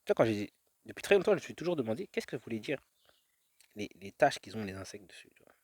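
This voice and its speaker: A man's voice: lowish voice, very animated, quick pace, a little mellow, husky, no echo. A man vlogging outdoors, talking his thoughts through in a drifting monologue, full of fillers, restarts and detours. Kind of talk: rambling reflective monologue. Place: outdoors in nature.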